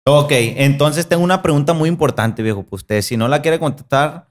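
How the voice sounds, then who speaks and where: A young man with a Sinaloa Mexican Spanish accent hosting a podcast in a small studio, relaxed and full of slang. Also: a little high. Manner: slangy, relaxed, quick interjections. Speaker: podcast host. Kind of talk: casual chat. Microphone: studio mic on boom arm, headphones.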